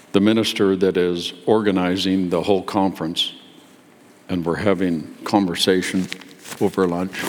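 Low-voiced older preacher with stuffy sinuses. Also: male voice, in a large hall, a little hiss or hum. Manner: folksy, confessional storytelling with asides. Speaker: guest preacher. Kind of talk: sermon storytelling. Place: church sanctuary.

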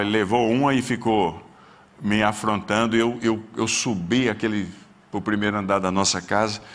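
A man's voice: on the low side, a bit bright. Man, 60s, pastor, sermon, emotional personal testimony, voice rising at peaks.

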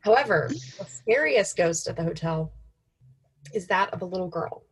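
A woman's voice: on the low side, expressive, moderate pace, rough recording. A young woman co-hosting in an informal, offhand way, telling stories partly read from notes. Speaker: podcast co-host.

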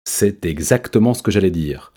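A man's voice: sits low, lively intonation, normal speed, dark tone. A man voicing a pompous male cat who complains about being interrupted, in a storybook reading. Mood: peeved.

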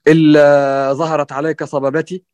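A man's voice: fairly high pitch, little pitch movement, normal speed, darkish tone, no echo, muffled recording. A man with an Egyptian accent in a panel discussion, talking earnestly with many restarts and fillers and often checking in with "right?". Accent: Egyptian Arabic. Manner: earnest and exhorting. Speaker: guest musician on a panel. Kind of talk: conversational discussion.

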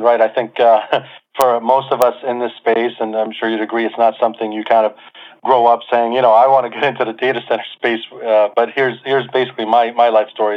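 A man in his forties, born in Lebanon, telling his life story as an interview guest in a chatty, self-deprecating way with many fillers. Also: medium pitch. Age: 40s. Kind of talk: casual interview talk. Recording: tinny phone-like line.

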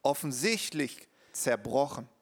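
A man interpreting a sermon live, quick and earnest, with the odd hesitation. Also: mid-range voice, expressive, breathy edge.

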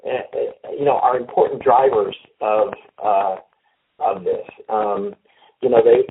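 A man giving a phone interview as a company executive, speaking haltingly with many fillers and restarts. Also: medium pitch, creaky, slight background noise. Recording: tinny phone line.

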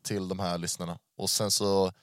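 A man's voice: deep voice, little pitch movement, no echo, studio quality. A young man hosting a podcast in casual, slangy chat sprinkled with English phrases. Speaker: podcast host.

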